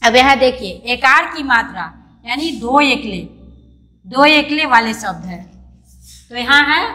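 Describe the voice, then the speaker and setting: A woman's voice: sits high, bright, forceful tone. A woman teacher giving an online lesson to young children. She is patient and repeats herself often, spelling out words letter by letter. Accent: Indian, Hindi. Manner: patient and repetitive, calls pupils "beta", spells words out letter by letter. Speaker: primary school teacher.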